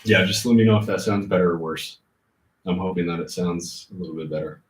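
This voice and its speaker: A man hosting a casual livestream, answering chat comments informally and thinking aloud in a halting way. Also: sits low. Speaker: livestream host. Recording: roomy, muffled, distant laptop-like mic.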